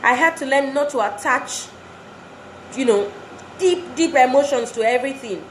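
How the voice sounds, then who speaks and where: Woman giving a pep talk to wives, high voice, earnest, roomy echo w faint hiss. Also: animated, moderate pace. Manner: earnest, exhorting, repeats phrases for emphasis. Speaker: speaker addressing wives. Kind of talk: motivational talk.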